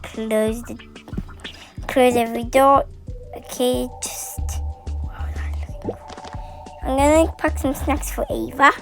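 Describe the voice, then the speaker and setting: A woman's voice: high-pitched, takes it slowly, vocal fry, long pauses, music in the background. A woman chatting playfully while playing a game, switching into little character voices as she plays out scenes. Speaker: game channel creator. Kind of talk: casual role-play while playing a game.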